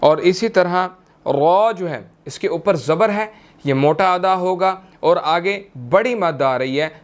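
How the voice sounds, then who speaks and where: A male Quran teacher walks through recitation rules at an unhurried pace. His voice sits a little high, and he patiently repeats each verse, checking in often. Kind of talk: slow step-by-step recitation lesson.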